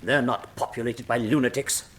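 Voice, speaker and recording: An actor playing a loyal, dogged doctor in a radio drama, speaking with earnest, righteous indignation. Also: male voice, medium pitch, fairly even intonation, moderate pace, fairly bright tone, natural voice. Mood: defiant.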